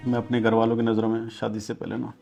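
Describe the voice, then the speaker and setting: Actor for a subdued, dejected husband with a gravelly voice over clear music. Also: male voice, medium pitch, monotone, fast, natural voice. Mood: weary. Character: weary young husband torn between wife and family.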